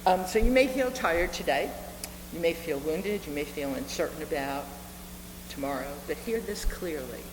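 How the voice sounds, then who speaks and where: With a low, expressive voice, a reverend in her seventies delivers a sermon in an earnest, deliberate manner, repeating phrases for emphasis. The live mic captures an echoey meeting hall, noise from the congregation, and a hum.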